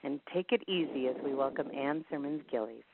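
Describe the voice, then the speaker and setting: A host giving slow, gushing introductions on a teleconference call. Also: medium pitch, gravelly, heavy background noise. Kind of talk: teleconference hosting. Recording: tinny phone line.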